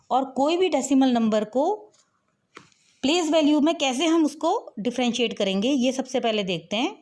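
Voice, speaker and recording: A woman teaching a maths lesson, explaining step by step and asking the viewer questions as she goes. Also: a little high.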